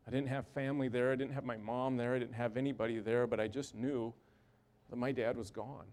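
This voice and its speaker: A man who works in an emergency room gives a personal storytelling talk, earnest and halting, with short repeated phrases. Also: medium pitch, steady tone, darkish tone. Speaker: emergency room medical worker.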